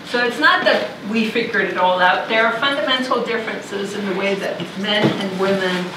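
This visiting lecturer, a middle-aged woman from Denmark, talks at normal speed in a mid-range voice during a university lecture in a large hall. She is conversational and thinks aloud with fillers, picked up from far off by a room mic with background noise.

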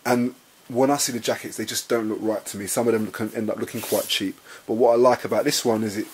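A man with a London accent talking casually as he reviews a jacket at home, chatty and relaxed, often calling his viewers guys. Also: on the low side, a little hiss or hum. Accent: London English. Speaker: fashion vlogger reviewing a jacket. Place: indoors, at home beside a bed.

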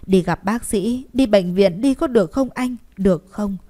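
A woman's voice: medium pitch, moderate pace, dark tone, close to an everyday voice. A woman voicing a young woman who pleads tearfully with the man she loves in a storybook reading. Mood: pleading. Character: young woman pleading with her sick love.

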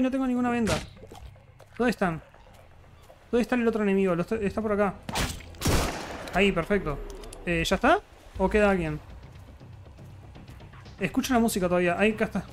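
A man's voice: high voice, background noise. A man with a Rioplatense Spanish accent, chatty let's-play commentary as he thinks aloud through crafting and fights. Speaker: gaming YouTuber.

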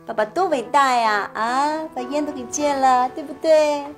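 An actress playing a gentle, soft-spoken young wife and mother in a TV drama. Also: sits high, normal speed, lightly acted. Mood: tender. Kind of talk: TV drama acting. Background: music score.

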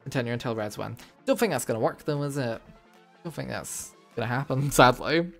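A man's voice: medium pitch, lively intonation, fairly quick, gravelly, faint music behind. A man streaming a game live, chatting casually with his viewers and reading their messages. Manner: chatty, reacting to chat and wrapping up with thanks.

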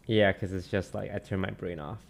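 A young man from Malaysia, chatting casually on a stream in a relaxed way, trailing off with many fillers. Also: deep voice, normal speed, gravelly. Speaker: streamer answering questions. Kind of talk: casual chat. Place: small home streaming room. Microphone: studio mic on boom arm, headphones.

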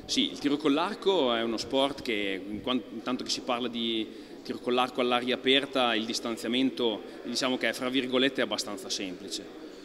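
A man in his thirties, an archery club president, giving an interview in an indoor archery hall, talking with many fillers and pauses. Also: medium pitch, a bit bright. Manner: thoughtful, halting, many fillers. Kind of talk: on-camera interview.

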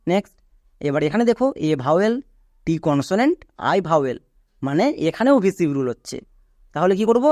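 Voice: mid-range voice, a little mellow, no echo, studio quality. A teacher, giving an online grammar lesson step by step and quizzing the viewer with questions. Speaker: English teacher.

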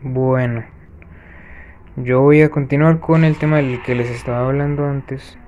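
A man hosting a let's-play, chatting to viewers as he plays and breaking off with quick gasping reactions. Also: mid-range voice, steady tone, a little mellow, dull audio, a little hiss or hum. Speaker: gaming channel host. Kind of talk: let's-play gameplay commentary.

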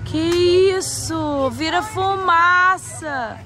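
A woman's voice: very high-pitched, extremely slow. A woman with a Brazilian Portuguese accent chatting casually on an outing in a busy outdoor theme park. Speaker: family vlogger. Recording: loud crowd and music, outdoor theme park. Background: crowd and music.

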